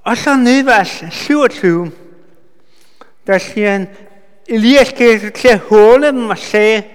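A man giving a sermon, retelling a Bible story with lively asides to his listeners. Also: sits high, clear, resonant tone. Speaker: preacher. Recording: long hall reverb.

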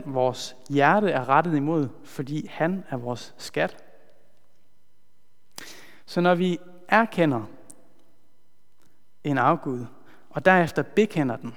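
A man preaching a sermon in an earnest, measured way, slowing down to stress key words. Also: fairly high pitch. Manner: earnest, measured, slows for emphasis. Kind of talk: sermon with a retold story. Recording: long hall reverb.

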